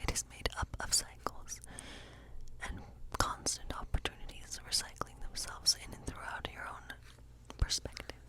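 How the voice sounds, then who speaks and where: A woman role-plays a gentle woodland witch giving a tarot reading for ASMR. The whisper is airy and slow, the tone pensive and reassuring, and the recording itself is of low quality.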